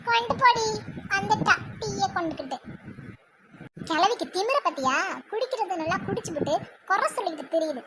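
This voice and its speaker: A woman's voice: extremely high pitch, animated, fairly quick, long pauses, heavy background noise. A woman voicing a put-upon young daughter-in-law who mutters sarcastic complaints, with a Tirunelveli Tamil accent. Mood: grumbling. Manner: grumbling under her breath, sarcastic.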